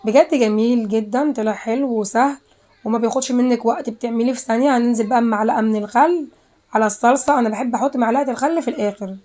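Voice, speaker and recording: A woman's voice: on the high side, very fast, warm tone. A woman with an Egyptian Arabic accent hosting a home cooking tutorial, chatty and repeating herself as she talks straight to viewers. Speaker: cooking channel host.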